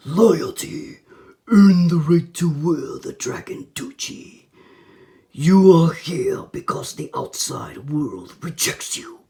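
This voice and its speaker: A man voicing a menacing, grandiose ninja clan master from a movie in a slow, solemn, breathy half-whisper. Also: a little high, darkish tone, voice pushed up, exaggerated voice.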